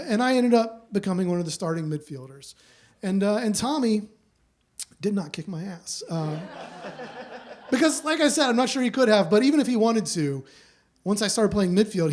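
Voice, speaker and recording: A man with a high voice and a darkish tone hosts a live storytelling show from a small theater stage. His delivery is casual and wandering, with lots of fillers.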